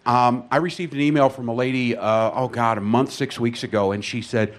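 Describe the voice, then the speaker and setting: A man's voice: mid-range voice, steady tone, fairly quick. Enthusiastic man talking up his network. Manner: enthusiastic, storytelling. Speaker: guest, radio network manager. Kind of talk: casual chat before a live audience.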